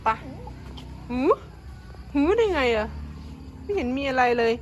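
A woman's voice: sits high, big pitch swings, slow, a little mellow, lo-fi sound, slight background noise. A middle-aged woman, talking playfully to her dogs in doting baby talk. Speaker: pet owner. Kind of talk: casual vlog talk to pets.

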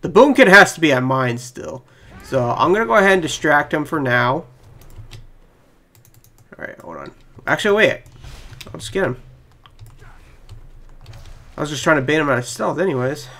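A young man talks through his own match as it happens, rambling and excitable. His voice sits a bit high for a man. Keyboard clicks rattle behind him as he plays. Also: moderate pace, long pauses. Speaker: gaming channel host. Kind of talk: live gameplay commentary. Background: keyboard typing.

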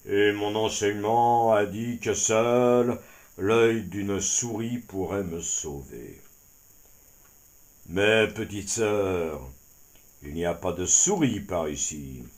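A man voicing a huge, wise old male bison who speaks slowly and solemnly in a storybook. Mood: weary. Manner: slow, deep, solemn speech. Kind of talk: storybook character voice.

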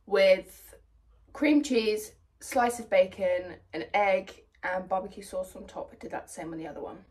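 Speaking British English in a mid-range voice, a young UK woman in her twenties casually narrates her day as a vlogger and personal trainer, drifting between topics and teasing herself. Her phone camera sits propped nearby as she moves from home rooms to a gym.

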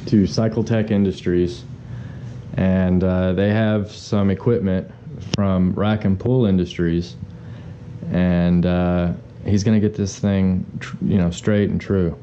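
Slow-talking man with a camera mic. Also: deep voice, dull audio. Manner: relaxed, with frequent ums. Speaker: motorcycle vlogger. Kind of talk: casual vlog narration. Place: garage, then inside a truck on the road. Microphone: action camera. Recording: camera mic with road and engine noise.

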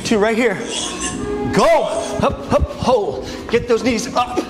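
A man's voice: extremely high pitch, takes it slowly. A man working as an aerobics instructor, leading a workout with motivating counted cues and short commands. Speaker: fitness instructor. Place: indoor gym. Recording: music behind the voice. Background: workout music.

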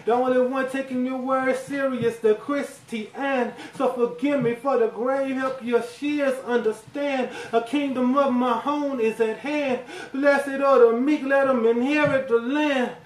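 A man raps a one-take freestyle in a high, ringing voice, sometimes breaking into shouted lines. He is recorded from across a small room at home, so the voice sounds distant and echoey. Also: fairly even intonation, a little slow, hardly any pauses, slight background noise. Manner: rhythmic rapping with sudden shouted lines. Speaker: rapper. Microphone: far 360 camera. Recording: echoey room, voice far from the mic.

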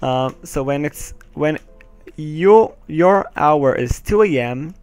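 Fairly high-pitched and animated yet slow and a little mellow, this Israeli teen's clean voice sits in a dry recording over soft background music. Hebrew is his first language, and he commentates casually on gameplay through a headset as a channel host. He hesitates a lot, says um often, laughs nervously, and curses when things go badly in the game.

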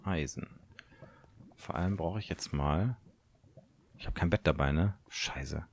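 A man's voice: extremely low pitch, measured pace, vocal fry, slight background noise. A young German man commenting on his own game, nervous and talking to himself, swearing at monsters. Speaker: gaming video host. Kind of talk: Let's Play commentary.

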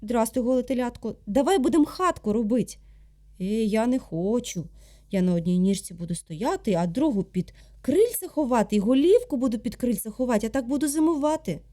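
A woman voicing a lazy, stubborn male drake in a folk tale, turning others down in a dismissive, unhurried way. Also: on the high side, expressive, mellow, natural voice. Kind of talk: storybook character voice.

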